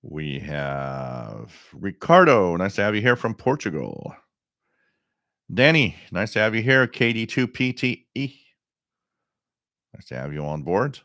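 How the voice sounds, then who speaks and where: A middle-aged man hosting a casual live stream, talking in a halting way with frequent pauses as he reads out viewer comments. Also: lowish voice, big pitch swings, pushed and bright, no echo, studio quality. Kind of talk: casual live stream chat about radio.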